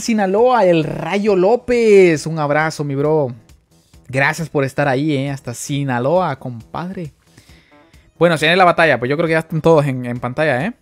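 A young man with a Mexican Spanish accent talks through a live game stream, his voice sitting a touch high. He chats easily, greets his viewers and breaks into excitable exclamations. Game music plays faintly behind him. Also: no room sound. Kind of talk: live gameplay commentary.

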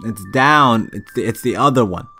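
A man giving casual gameplay commentary as a let's-play host. He is excitable and exclaims often, with frequent laughter and the occasional curse. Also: fairly low pitch, moderate pace, faint music behind.

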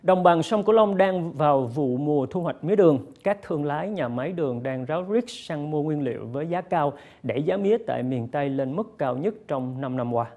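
A man's voice: on the high side, lively intonation, darkish tone. A man in his thirties presenting news formally from a TV studio. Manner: formal, measured anchor delivery. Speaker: news anchor.

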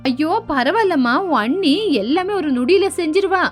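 A woman voicing a domineering older mother-in-law in an animated story, scolding and bossy. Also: high-pitched, normal speed, soft background music. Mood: mock-sweet.

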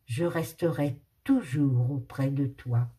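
A woman does a big loyal dog from a storybook, murmuring low and soft. Slow, protective and calm. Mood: tender.

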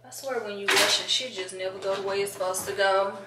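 A young woman vlogger with a mid-range voice chats quickly and fairly evenly as she gets ready for a night out, sassy, playful and slangy, calling everyone "honey." She's in a small indoor bathroom, filmed by a camera a step away or handheld, so the sound is distant, echoey and carries faint background noise.

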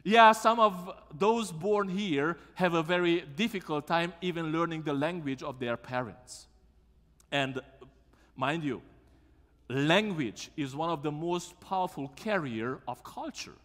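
A man's voice: fairly high pitch, a little slow. A man, preaching a sermon as pastor in a church sanctuary and asking the congregation questions. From Romania. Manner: lively, asks the congregation questions. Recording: long church reverb.

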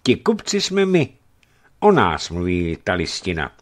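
A man's voice: low voice, wildly swooping pitch. A man doing a bold joking red-bearded merchant. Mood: bantering.

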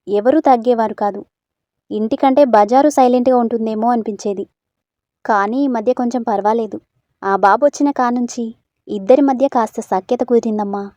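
A woman's voice: a little high, dark tone, dry recording, muffled recording, natural voice. A woman voicing a chatty, gossipy older housemaid who talks respectfully in a storybook.

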